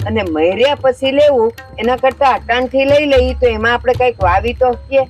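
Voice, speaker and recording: A high-pitched older woman speaks. She plays a domineering mother-in-law who scolds and pushes, and faint music runs behind her. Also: moderate pace. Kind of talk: village family drama acting.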